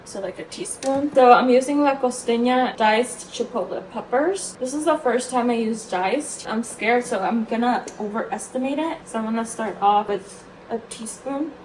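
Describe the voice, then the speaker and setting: High-voiced chatty woman vlogger. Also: moderate pace, a little mellow, slight background noise, low-quality recording. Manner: chatty, fillers of "like", drops in Spanish words. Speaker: lifestyle vlogger. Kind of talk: casual cooking vlog chat. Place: home kitchen.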